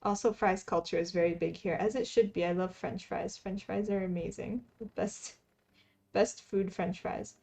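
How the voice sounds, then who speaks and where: A woman from Palestine streaming while she cross-stitches, chatting casually with viewers, reading chat aloud and laughing softly. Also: mid-range voice, steady tone, normal speed, gravelly. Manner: laid-back, chatty, frequent soft laughs, reads chat aloud. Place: home, lives in Taiwan.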